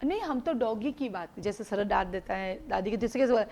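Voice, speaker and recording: A woman teaching a live law class, explaining through lively everyday stories, mixing Hindi with English legal terms and repeating key points for students to note. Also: mid-range voice, moderate pace. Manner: animated storytelling with everyday examples.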